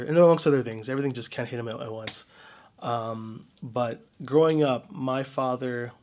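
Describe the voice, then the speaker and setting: A man from the United States telling a personal story in a vlog, halting and searching for words with many restarts, earnest and quietly emotional. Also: mid-range voice. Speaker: vlogger and DJ entertainer.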